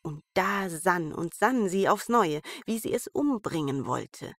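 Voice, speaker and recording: A woman's voice: fairly low pitch, animated, slow pace, no room sound, studio quality. A woman storyteller reading a German fairy tale aloud as a bedtime story. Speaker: podcast storyteller.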